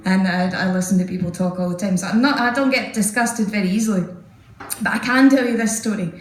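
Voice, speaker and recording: A woman's voice: mid-range voice, a little fast. A Scottish woman doing a live stand-up set, telling chatty, self-mocking stories into a stage mic. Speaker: stand-up comedian. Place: small bar stage, indoors. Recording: echoey live venue.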